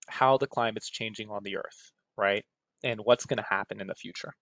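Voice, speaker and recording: A man with an American accent presents an informal technical webinar in a chatty way, frequently asking "right?" to check in. His mid-range voice is a bit bright, and the audio is roomy, dull and lo-fi.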